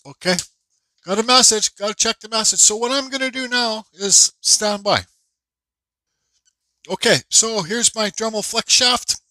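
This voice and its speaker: This woodcarving instructor is clearly congested as he casually narrates a carving lesson from his workbench, wandering off with fillers and restarting sentences. His high-pitched voice is pushed and bright, and he takes his time, pausing often. It's a dry recording.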